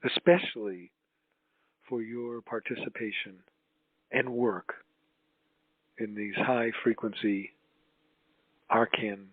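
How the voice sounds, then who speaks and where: Tinny, slow-speaking mystical male meditation guide. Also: lowish voice, steady tone. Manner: solemn, mystical healer delivery in drawn-out, halting phrases. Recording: roomy, tinny phone-like line.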